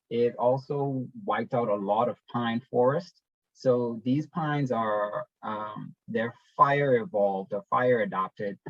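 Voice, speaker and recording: A man's voice: mid-range voice, no room sound. Bahamian man presenting a casual webinar. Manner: relaxed, conversational, with frequent ums and restarts. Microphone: video call. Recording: dull, dry webinar audio.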